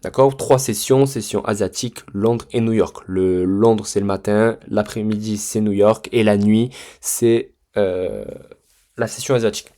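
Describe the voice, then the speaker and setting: A man's voice: on the low side, steady tone, a little slow, mellow. A man teaching a trading lesson in a casual, direct way, with many fillers and frequent check-ins with his viewers. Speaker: trading mentor.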